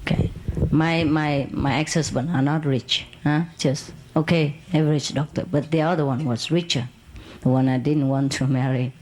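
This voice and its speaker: A woman's voice: low voice, fairly even intonation, normal speed, darkish tone, a little hiss or hum, poor audio. A woman telling a long personal story in casual, non-native English, rambling and laughing as she goes.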